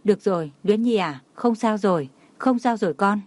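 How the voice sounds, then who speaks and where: A woman voicing a gentle, long-suffering middle-aged stepmother in a storybook reading, soft and soothing. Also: mid-range voice, lively intonation, moderate pace, no room sound, lightly acted.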